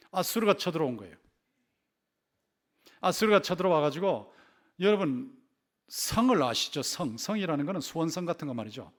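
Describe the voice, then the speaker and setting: A man preaching a Sunday sermon as pastor, stressing key words by repeating them and putting rhetorical questions to his congregation. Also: high-pitched. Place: church sanctuary.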